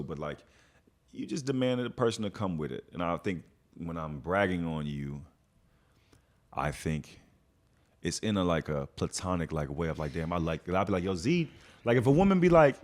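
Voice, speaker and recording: A man's voice: sits low, brisk. A young adult man from Texas hosting a podcast, in casual chat and telling stories with acted-out quotes. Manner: animated storytelling, acts out quotes. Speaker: podcast host.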